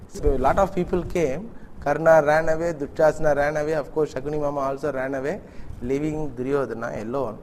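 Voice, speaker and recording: There is some background noise behind a South Indian man with a fairly high voice. He speaks as a spiritual teacher telling an old epic to listeners, posing questions and voicing the dialogue himself. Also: steady tone, fairly quick, darkish tone. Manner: storytelling with rhetorical questions and acted-out dialogue. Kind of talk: spiritual discourse retelling an epic story.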